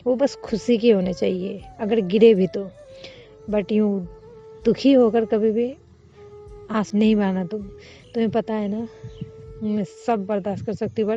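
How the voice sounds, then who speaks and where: A fond, bossy young woman who owns the company, as a woman reads her lines. Her voice is mellow and warm, and she teases and scolds gently. The recording is dull and lo-fi, with faint music underneath. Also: mid-range voice, close to an everyday voice. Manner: doting, teasing, bossy. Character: affectionate possessive young woman, company owner.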